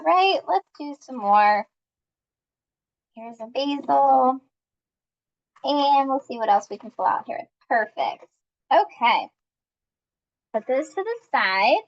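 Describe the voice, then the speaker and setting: A woman's voice: high voice, highs cut off. A woman leading a live-streamed cooking class, upbeat and chatty as she talks viewers through each step.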